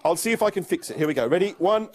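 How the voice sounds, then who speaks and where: Casting: male kids' party magician, playful live patter, very animated delivery, noisy room recording. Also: high voice, very fast. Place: live performance before an audience of children.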